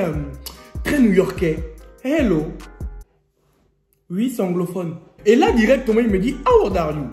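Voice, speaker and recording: High-voiced young man telling a funny story. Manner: lively, joking storyteller who laughs often. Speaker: vlogger. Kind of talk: storytime vlog. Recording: echoey room, faint music.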